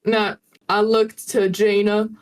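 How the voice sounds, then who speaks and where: A woman from New York, playing a survivor in a tabletop game podcast and chatting in a joking, animated way. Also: mid-range voice, slow pace. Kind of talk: casual role-play chat.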